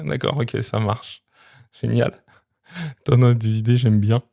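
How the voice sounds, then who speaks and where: A tech review host talks casually to his viewers, showing off gear on camera in a conversational way. His medium-pitched voice is mellow and a bit creaky, with a flat, unhurried delivery.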